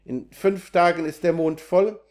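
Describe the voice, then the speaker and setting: A man's voice: high-pitched, steady tone, a little slow, darkish tone. Male reader voicing a stern, threatening town sorcerer; harsh and scolding. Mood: coldly threatening.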